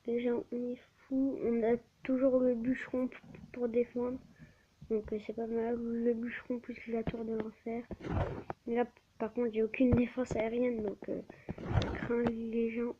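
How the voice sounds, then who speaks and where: A woman's voice: a little high, completely flat delivery, measured pace. A woman giving live gameplay commentary on her channel, often stammering and restarting words, recorded on a tablet mic. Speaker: gaming channel host. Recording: dull lo-fi with faint hiss.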